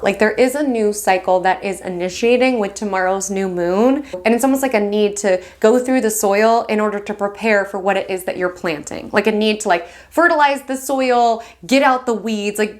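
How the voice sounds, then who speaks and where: Woman astrology host, West Coast American, fast and bubbly, warmly encouraging, mid-pitched. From United States. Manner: fast, excited, affectionate and encouraging. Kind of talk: weekly horoscope monologue.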